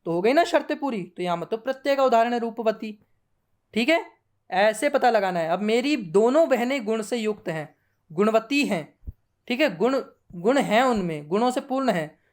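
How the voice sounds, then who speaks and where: A woman's voice: on the high side, expressive, moderate pace. A woman teaching a grammar lesson, patiently repeating word forms and checking in with her students often. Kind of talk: classroom lesson.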